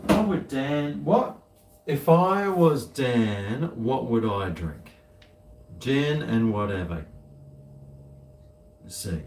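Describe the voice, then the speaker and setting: Slow-talking Kiwi man in an echoey room. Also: mid-range voice, sing-song, a little mellow. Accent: New Zealand. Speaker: streamer chatting to viewers. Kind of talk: casual rambling chat to viewers. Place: indoors, home kitchen. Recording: echoey room, distant mic, faint noise.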